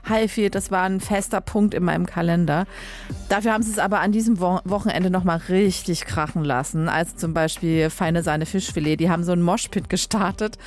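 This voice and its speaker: On a studio microphone, a young woman from Leipzig, Germany chats informally as the host of a radio music show, with many fillers and self-corrections. Her voice is fairly low and darkish, with fairly even intonation and a brisk pace.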